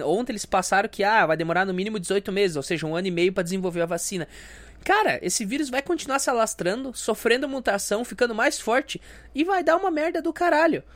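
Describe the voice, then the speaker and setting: Brief: young podcast host, stuffy-nosed, heated and foul-mouthed. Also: male voice, very high-pitched, a bit bright. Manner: crude, self-mocking, heated. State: stuffy nose. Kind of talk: casual comedic rant.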